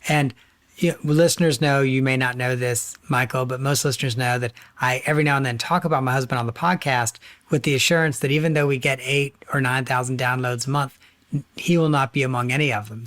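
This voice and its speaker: A man's voice: medium pitch, fairly bright tone. A man hosting a podcast interview, upbeat and enthusiastic. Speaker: podcast host.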